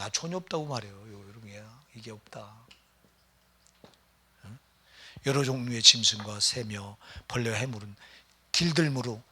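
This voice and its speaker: Husky, bright-toned Korean pastor preaching. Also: male voice, medium pitch. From Gyeonggi Province, Korea. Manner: conversational, questions the congregation. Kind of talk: sermon.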